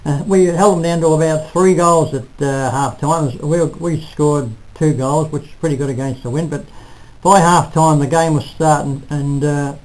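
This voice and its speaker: An older man reviewing a local football match in casual, halting talk full of restarts, recorded on a close webcam in a small room. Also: fairly high pitch, steady tone, a little mellow, rough recording. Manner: rambling, halting, self-correcting. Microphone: webcam at close range.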